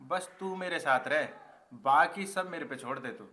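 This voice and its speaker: एक युवा आदमी जो मेहनती बने गाँव के प्रधान के बेटे का किरदार निभा रहा है, हरियाणवी लहजे में सच्चे दिल से बोलता है।. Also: male voice, fairly high pitch, unhurried, bright, forceful tone. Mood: tender. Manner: earnest, heartfelt. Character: reformed young village man, earnest and devoted. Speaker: headman's son, laborer. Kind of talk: rural comedy film acting.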